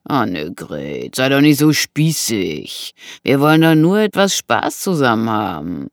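An audiobook narrator voicing a menacing man with a knife, who taunts slowly and mockingly. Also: mid-range voice, very animated, no room sound, clean studio sound. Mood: taunting. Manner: slow, taunting, drawn-out delivery.

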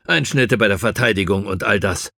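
A man voicing a stiff, irritable older army officer in an audiobook, brisk and gruff. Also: lowish voice, pushed and bright, dry recording, studio quality, full character voice.

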